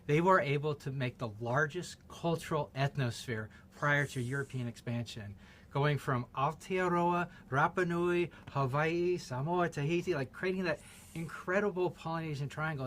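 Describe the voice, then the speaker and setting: A man's voice: on the high side, normal speed, fairly bright tone, slight background noise. Proud, earnest man director. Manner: earnest, proud, with small restarts. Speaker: film director. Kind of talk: interview answers.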